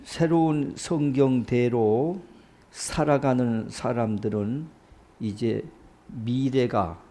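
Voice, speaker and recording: A man preaching a sermon in an animated way, often tossing rhetorical questions to his listeners. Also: mid-range voice, slow.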